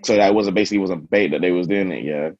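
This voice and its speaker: A young man with a deep voice and a London roadman accent tells casual stories in street slang. He repeats phrases to drive them home. The sound is dry and a little muffled. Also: racing, dry recording. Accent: London roadman (multicultural London English). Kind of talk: casual group chat, storytelling in street slang.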